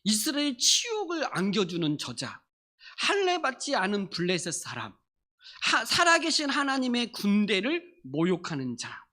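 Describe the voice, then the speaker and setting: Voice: mid-range voice, huge pitch swings, moderate pace, sharp tone. A pastor preaching a Sunday sermon at a church service, emphatic and restating key phrases again and again.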